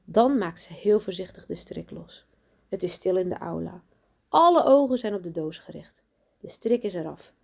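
A woman reading a children's storybook aloud, her narration soft and low-key. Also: lively intonation, moderate pace, vocal fry. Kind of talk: children's book read aloud.

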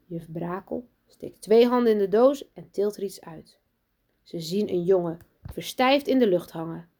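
A woman reading a children's storybook aloud, her narration soft and low-key. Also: a little slow. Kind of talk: children's book read aloud.

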